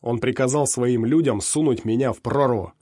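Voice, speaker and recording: A man voicing a furious scarred male mercenary, shouting defiantly at a crowd in an audiobook. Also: mid-range voice, moderate pace, dry recording, clean studio sound, natural voice.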